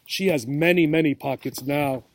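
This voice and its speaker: A man reads a children's storybook aloud like a teacher, his voice on the high side. His phrasing is simple and deliberate, and he pauses for asides to his young audience.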